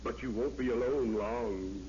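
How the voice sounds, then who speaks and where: On a muffled, noisy 1940s radio recording, an actor plays a sinister gloating doctor. The man speaks very slowly, with mock politeness and taunting menace. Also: mid-range voice, mellow, natural voice. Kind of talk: 1940s radio drama acting.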